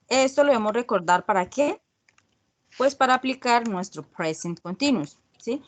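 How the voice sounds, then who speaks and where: A woman teaching an online English grammar class in Spanish, patiently checking in with her students after each point. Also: mid-range voice. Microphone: video call.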